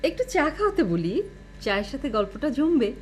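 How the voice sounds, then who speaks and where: A woman's voice: sits high, very animated, quick pace, soft background music. An actress playing Pori, an agreeable young woman in a comedy TV drama. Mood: eager. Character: naive young woman Pori, eager to please.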